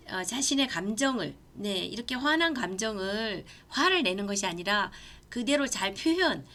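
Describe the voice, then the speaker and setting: A woman's voice: medium pitch, a bit bright. A middle-aged woman with a Gangwon accent, giving a college lecture in an earnest, conversational way and sharing personal stories. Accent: Gangwon Korean. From Gangneung, Korea. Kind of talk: online class lecture.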